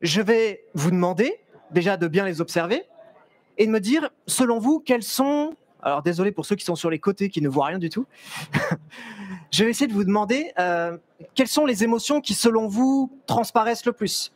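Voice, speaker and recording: A young man talks to a fair audience from a stage, his high voice picked up by a headset mic. He is chatty and lively, often restarting his sentences and joking with the crowd. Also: normal speed. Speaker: photographer giving a talk. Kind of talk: live stage presentation. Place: stage at a trade fair, large indoor hall.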